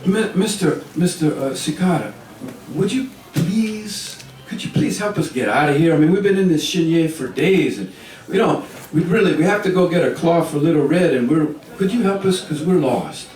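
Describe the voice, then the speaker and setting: A man's voice: medium pitch, unhurried, a little mellow, natural voice. A man voicing an earnest male turtle on a quest, talking in a hesitant, pleading way, heard from a distance in a roomy store.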